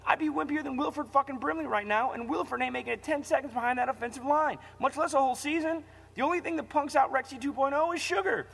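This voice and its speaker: A man's voice: very high voice, vocal fry, fairly bright tone, in a large hall. A man delivering a furious, profane scripted rant. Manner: angry, profane, ranting. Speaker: ranting commentator.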